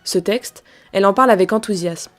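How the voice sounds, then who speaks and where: A woman host giving a warm, scripted introduction of a guest on her podcast. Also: medium pitch, fairly quick. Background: soft music.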